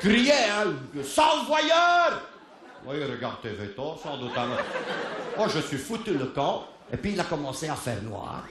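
A man telling a comic story as a monologue, laughing as he goes and shouting out the lines of people in his tale. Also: medium pitch, expressive, normal speed, roomy sound, heavy background noise. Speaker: comedian.

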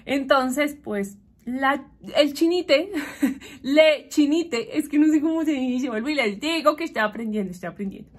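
A woman's voice: sits high, normal speed. A woman chatting casually and gossipily as she recaps a TV show while doing her makeup. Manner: chatty, gossipy, keeps saying "mi amor". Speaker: vlogger.

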